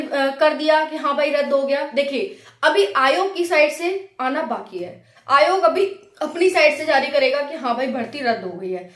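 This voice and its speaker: With a high-sitting voice and a fairly bright tone, this woman hosts a government exam news channel. She explains things informally and conversationally, frequently checking in with viewers through rhetorical questions, and the recording sounds roomy.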